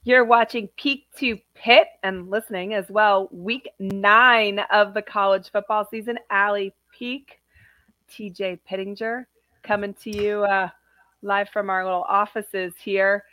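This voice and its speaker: A woman podcast host chats casually in a hoarse, raspy voice, as if she has lost it to a cold. She tells stories in an easy, talkative way, and the sound is dry and close. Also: medium pitch, steady tone, unhurried, sharp tone, no echo. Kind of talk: casual chat.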